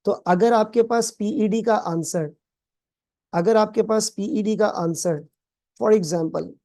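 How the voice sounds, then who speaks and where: A man's voice: high-pitched, takes it slowly, dark tone. A man tutoring students in a recorded exam-prep lecture. He calls them "beta", quizzes them with call-and-response questions, and explains with playful everyday examples full of English terms. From Pakistan. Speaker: accounting tutor.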